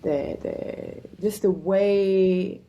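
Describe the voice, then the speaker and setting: A woman's voice: medium pitch, fairly even intonation, drawn-out words, muffled recording, a little hiss or hum. A woman from Germany, a musician guest answering interview questions reflectively and searching for words.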